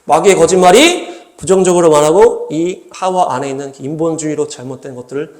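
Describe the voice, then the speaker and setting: A man's voice: fairly high pitch, fairly quick, roomy sound. A man preaching a Sunday sermon as a pastor, emphatic and repetitive, acting out quoted dialogue in shifting voices. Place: church worship hall.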